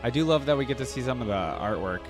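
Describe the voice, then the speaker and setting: Over instrumental theme music featuring piano and choir, a man hosts loose reaction commentary, musing aloud with questions and exclamations. He talks fast, with medium pitch and lively intonation.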